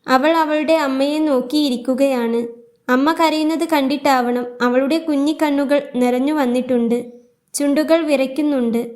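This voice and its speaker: A woman narrates a scripted story with a calm, even delivery. Her voice sits high, and she tells each scene steadily.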